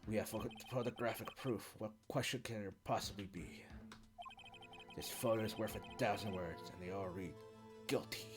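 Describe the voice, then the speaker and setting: A man's voice: on the low side, normal speed, lightly acted. A man voicing a cold, condescending older prosecutor in clipped tones, over game music. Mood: scornful.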